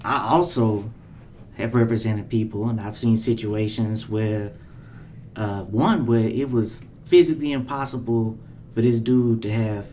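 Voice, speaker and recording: A man's voice: lowish voice, unhurried, warm tone, slight background noise. A man co-hosting a podcast, earnest and repeating words as he gets going. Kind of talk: casual podcast conversation.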